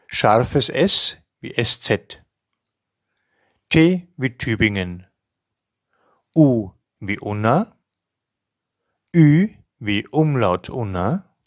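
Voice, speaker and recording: A man in his fifties teaching a language lesson, reciting examples in a deliberate, carefully enunciated way. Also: medium pitch, dry recording, studio quality.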